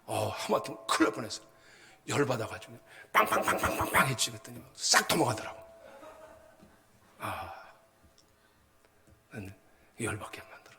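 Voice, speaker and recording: A male pastor preaches a sermon in a colloquial, animated style, often prompting the congregation with short asides and acting out everyday anecdotes with sound words. His voice is on the low side with vocal fry, and he keeps a moderate pace, pausing often.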